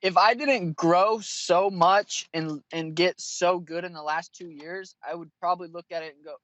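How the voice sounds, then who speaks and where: A man's voice: high voice, steady tone, moderate pace, a bit bright, no echo, lo-fi sound. A man in his twenties, a fighter being interviewed, answering bluntly and with plenty of swearing. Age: 20s. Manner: blunt and profane.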